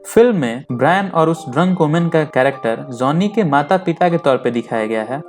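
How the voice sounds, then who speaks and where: A man hosting a film explainer channel, narrating a movie recap in a steady voice-over and mixing in English terms. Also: on the high side, moderate pace, faint music behind.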